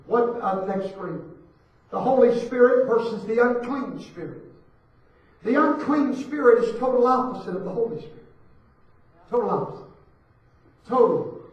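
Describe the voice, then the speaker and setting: High-pitched preacher in an echoing church. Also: male voice, lively intonation, normal speed, long pauses, highs cut off. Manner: swings from hushed to shouting, rhythmic repetition. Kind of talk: fiery church sermon. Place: church sanctuary. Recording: echoey hall, preacher far from the mic.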